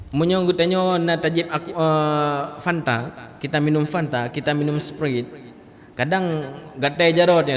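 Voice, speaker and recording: A man teaches Quran pronunciation to a mosque class. His voice sits high, and it rings with a long reverb through a large mosque hall. He explains each letter, then breaks into loud, slow, chanted recitation to demonstrate. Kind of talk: mosque tajwid lesson.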